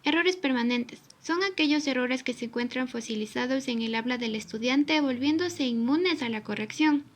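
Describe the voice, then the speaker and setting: A young woman with a high voice narrates a recorded class tutorial. She reads from a prepared script at an even, careful pace, laying out definitions and examples one after another. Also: normal speed, hardly any pauses, slight background noise. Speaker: student presenter. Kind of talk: read-aloud tutorial narration.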